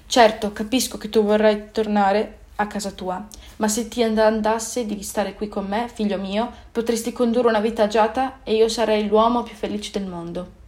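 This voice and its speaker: A woman's voice: medium pitch, fairly even intonation, normal speed, darkish tone, lightly acted. Woman reading older merchant, grave, heartfelt father, storybook. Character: older male merchant, stern father turned tender.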